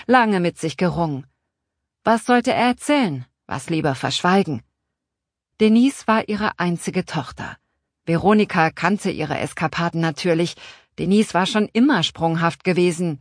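A woman reads an audiobook in a calm, measured and expressive way. Her voice sits fairly low. The close studio recording is completely dry. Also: no room sound. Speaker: audiobook narrator. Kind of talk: scripted narration.

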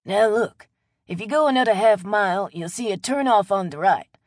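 For an audiobook, a woman voices a friendly old Cajun man, a weathered bait-shop regular with a folksy Louisiana drawl. Her mid-range, slightly mellow voice has lively intonation and a moderate pace, sounding natural in a dry, studio-quality recording.

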